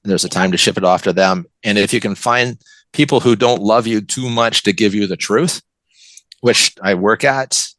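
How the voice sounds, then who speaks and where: A West Coast American man with a lowish, slightly bright voice talks at a normal speed, recorded dry and at low quality. He's an author appearing as a relaxed interview guest, sharing anecdotes conversationally and checking in with "right?" and "you know."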